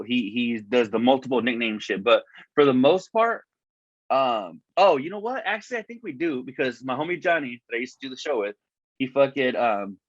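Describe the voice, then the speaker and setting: A man's voice: mid-range voice, no echo. Man, podcast co-host, tinny earbud-mic sound, dull lo-fi audio, rambling casual talk, lots of cursing. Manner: rambling, heavy cursing and fillers. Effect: tinny sound from earbud microphone. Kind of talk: casual chat. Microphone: wireless earbuds as microphone.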